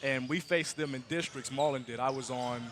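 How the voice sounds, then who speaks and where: A man's voice: mid-range voice, moderate pace, background noise. A nineteen-year-old man calling a summer basketball game as play-by-play announcer, casual and leaning on "absolutely". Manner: casual, repeats "absolutely", filler-heavy. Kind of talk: sports commentary. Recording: gym ambience with ball bouncing.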